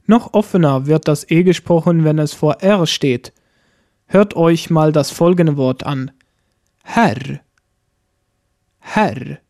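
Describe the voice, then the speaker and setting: A man leads a scripted pronunciation lesson in an unhurried, deliberate way. His voice is fairly high for a man yet soft and mellow, and it sits dry and close to the mic. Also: no echo. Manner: slow, careful, model words spoken for repeating. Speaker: language teacher.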